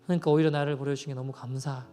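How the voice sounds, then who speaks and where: A man's voice: medium pitch, level tone, very fast. A man preaching a sermon as pastor at a Friday church service. He tells a story earnestly, then builds into fervent appeals to the congregation. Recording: reverberant church hall with soft instrumental music behind.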